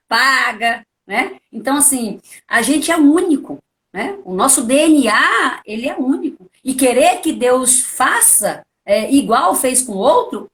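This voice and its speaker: Lively middle-aged woman preacher. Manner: emphatic, full of rhetorical questions and sudden high-pitched stresses. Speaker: preacher, guest. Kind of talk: conversational testimony and teaching.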